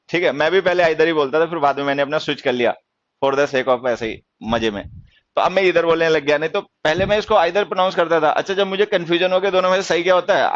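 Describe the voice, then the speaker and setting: A man teaching English grammar in a classroom lecture, teasing students about their mistakes and reading example sentences slowly. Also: a little high, fairly bright tone, no echo. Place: coaching class in Delhi. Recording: dull, dry lo-fi sound.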